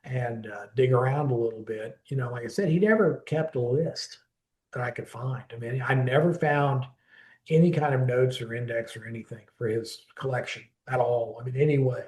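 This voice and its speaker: A man's voice: mid-range voice, moderate pace. Rambling storyteller man in an echoey room. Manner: rambling, with frequent restarts and lively quoted dialogue. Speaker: interviewee recalling a friend. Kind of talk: casual oral history storytelling.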